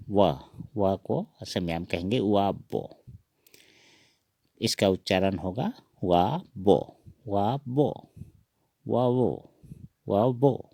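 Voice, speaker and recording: Male teacher, very deep gravelly voice, dry close sound, patient step-by-step drilling. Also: a little mellow, no echo. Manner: slow, repeats each sound several times. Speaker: language teacher. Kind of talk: recorded alphabet lesson.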